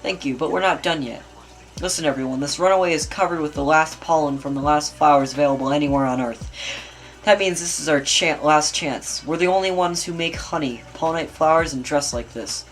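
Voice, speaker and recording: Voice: medium pitch, fairly quick, natural voice. An amateur reader voicing an earnest male bee who gives rallying speeches, in a casual script reading.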